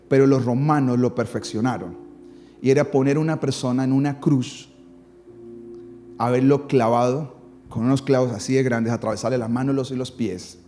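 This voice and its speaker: A man's voice: medium pitch, warm tone. A man preaching a sermon as pastor, dramatic, with his voice rising and falling for emphasis.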